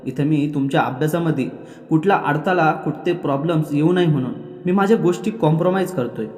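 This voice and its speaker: A man's voice: on the high side, quick pace, a little mellow, echoey room, in a large hall, natural voice. A man voicing a strict, serious young husband scolding his wife. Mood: stern. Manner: stern, scolding.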